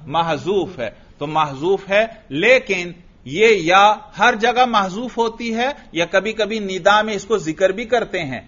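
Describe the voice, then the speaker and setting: A man's voice: high voice, hardly any pauses, a bit bright. Male religious teacher, questioning lecture style, dull lo-fi recording. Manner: asks questions and repeats the answers; chants Arabic text in a melodic recitation. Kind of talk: classroom lecture on Arabic grammar and logic.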